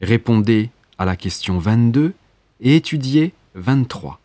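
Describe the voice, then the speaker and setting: A man's voice: mid-range voice, expressive, a little slow, warm tone, no room sound. A man reading scripted test instructions in a formal, neutral way as an exam narrator.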